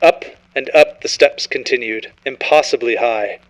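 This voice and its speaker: A man's voice: medium pitch, unhurried, fairly bright tone, rough recording. A man reading a scripted horror story as narrator, in a dramatic, ominous storytelling manner.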